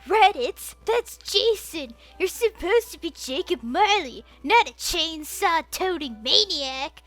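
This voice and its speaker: High-strung male director, scolding, frazzled, bright tone, woman doing it. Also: slow pace, soft background music. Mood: exasperated.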